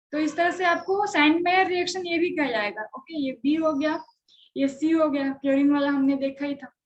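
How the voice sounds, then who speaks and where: A high-voiced woman teaches a chemistry lesson and keeps stopping to ask her students whether anything is unclear. The sound is dull and lo-fi. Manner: conversational, checks on students often. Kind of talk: live online class lecture.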